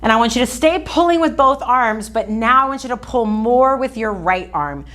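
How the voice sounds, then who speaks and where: A woman's voice: on the high side, animated, moderate pace, a bit bright. A woman working as an aerobics instructor, out of breath as she counts reps and gives short, encouraging workout commands. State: out of breath from exercising. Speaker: fitness instructor.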